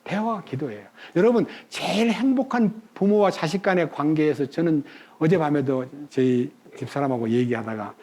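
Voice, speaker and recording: A man's voice: on the high side, normal speed, few pauses, a little mellow. A middle-aged man preaching a sermon as pastor, earnest, repeating key phrases and acting out the people in his stories.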